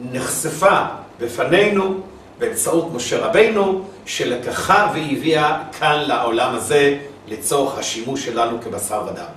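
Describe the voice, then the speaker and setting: Man teaching a text in an echoey room. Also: fairly high pitch. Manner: reads a text, then explains it in plain words; thinks aloud with small asides. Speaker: Torah teacher. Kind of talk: recorded religious lesson. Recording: echoey room, distant mic, faint hiss.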